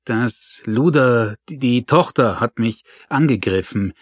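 A man's voice: medium pitch, animated, slow, no room sound, clean studio sound. A man voicing a weary, middle-aged village policeman in an audiobook, grumbling and evasive.

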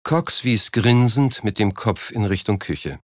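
A man reading a story aloud in a steady, measured scripted narration. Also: lowish voice, no echo, studio quality. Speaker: audiobook narrator.

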